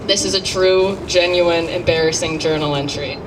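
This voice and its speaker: A young woman doing live stand-up comedy on a rooftop, sassy and theatrical, prone to loud exclamations. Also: on the low side, fairly even intonation, normal speed. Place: outdoor rooftop comedy show. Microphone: stage microphone. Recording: distant mic, crowd, loud open-air noise.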